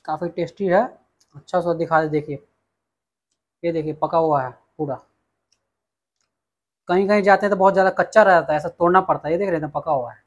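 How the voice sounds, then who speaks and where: He's a young man from Bihar, India, hosting a relaxed food vlog and speaking directly to the audience while trying and recommending dishes in a small restaurant dining room. His slightly high voice stays steady, and he talks briskly but pauses often.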